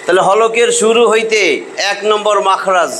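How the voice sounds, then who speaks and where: A high-voiced man teaches recitation, repeating the letter sounds in a sing-song chant. He talks in a lively, scolding way. Clear background noise sits behind him on the recording. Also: moderate pace. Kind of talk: colloquial tajweed lesson. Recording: noisy background.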